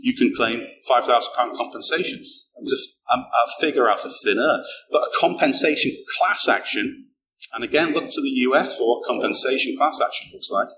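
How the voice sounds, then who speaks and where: In a small, dark indoor event room, a middle-aged man with a non-local British accent gives a chatty technical conference talk, often starting over and repeating himself. He sounds brisk and sharp in a mid-range voice. Echo from the room and a faint background hum come through on the recording.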